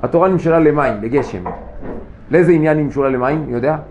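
A man giving an informal Torah class to yeshiva students, asking them questions and joking as he teaches. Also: fairly high pitch. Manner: lively, asks students questions, jokes. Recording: dull lo-fi room recording with faint noise.

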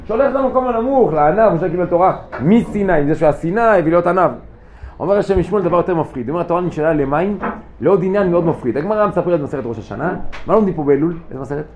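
Male rabbi, casual teaching voice, quizzes students, slightly high pitch, muffled lo-fi recording with light hiss. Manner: lively, asks students questions, jokes. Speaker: yeshiva rabbi giving a class. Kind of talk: informal Torah class to students. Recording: dull lo-fi room recording with faint noise.

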